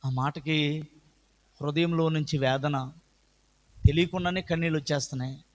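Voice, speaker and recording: A middle-aged man giving an earnest personal testimony at church, his voice swelling loud and high at moving moments. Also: steady tone, normal speed. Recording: echoey hall with long reverb.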